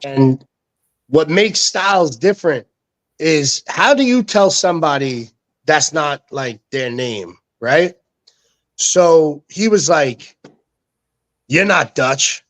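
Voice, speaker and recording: Pitched on the high side, the young man's voice moves slowly but with lively intonation. As a guest and NFT co-founder, he tells relaxed, slangy stories, imitating the voices of the people he quotes.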